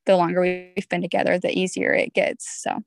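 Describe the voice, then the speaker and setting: A woman's voice: lowish voice, completely flat delivery, a little fast, vocal fry, no room sound. A young adult woman, a podcast guest, talking casually and rambling with many fillers. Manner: rambling, lots of "like" and restarts. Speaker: guest, entrepreneur. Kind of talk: casual interview chat.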